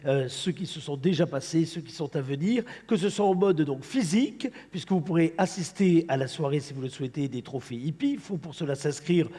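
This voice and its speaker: A male host presents a live morning show with a head cold that leaves him husky and hoarse. His voice is soft-edged and sits a little high, ringing in a large hall. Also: animated, brisk, few pauses. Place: large studio set in a big hall. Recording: large hall with long reverb.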